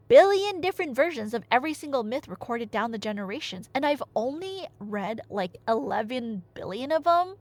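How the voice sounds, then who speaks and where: This high-voiced woman, recorded with no room sound, performs audio roleplay as a storyteller. Her myth retelling is casual, rambling and comic, and she comes across as nerdy, slangy and animated, frequently cutting in on herself with asides.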